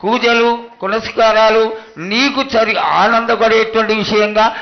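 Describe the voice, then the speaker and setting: Man, high voice, deferential priest, devotional pleading, dull band-limited live recording. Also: flat delivery, measured pace. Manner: deferential, repeatedly reassuring. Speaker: priest questioning and placating the oracle. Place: live temple festival ceremony.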